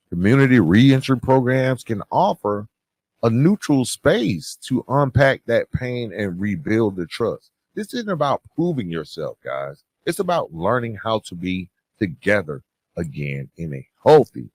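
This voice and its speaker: A podcast host with a medium-pitched, darkish voice talks to his listeners directly in a conversational, motivational style, stressing certain words for emphasis. The recording is dry.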